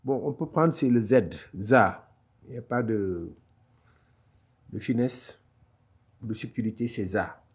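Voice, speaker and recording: A man teaching at an unhurried, deliberate pace, with a voice of ordinary pitch. He is patient and encouraging, repeating each sound several times as he walks through a step-by-step online lesson. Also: animated, slightly rough. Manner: encouraging, gently reassuring. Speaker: Quran recitation teacher.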